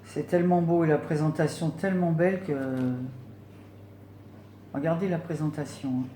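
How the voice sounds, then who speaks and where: A woman's voice: deep voice, steady tone, moderate pace, warm tone, slight background noise. Effusive woman in a roomy home. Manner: effusive, exclaiming with delight, many fillers. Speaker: vlogger unboxing gifts. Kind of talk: casual unboxing chat. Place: home room.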